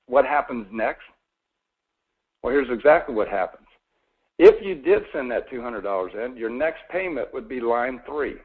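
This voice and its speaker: A folksy man gives a live money seminar, stopping often to quiz his audience and slipping in a bit of sarcasm. His voice is somewhat husky. It comes through a thin, phone-like line. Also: mid-range voice. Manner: folksy, asks the audience questions, mildly sarcastic. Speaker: financial seminar presenter.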